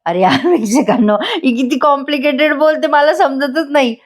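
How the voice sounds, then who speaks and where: A woman's voice: high voice, normal speed. A woman giving a chatty, casual voice-over review of a TV serial, addressing her viewers directly.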